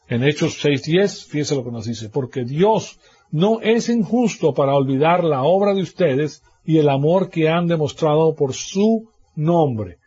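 A man's voice: on the high side, mellow, breathy edge, highs cut off. A man preaching a sermon as a pastor, now and then mimicking the people he criticizes. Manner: preaching with mocking mimicry of others.

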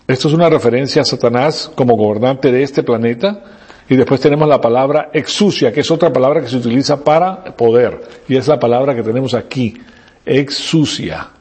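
A man's voice: medium pitch, warm tone, slightly rough. A man teaching a Bible study to a small group, explaining Greek words and asking them questions as he goes. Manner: explanatory, quizzes listeners.

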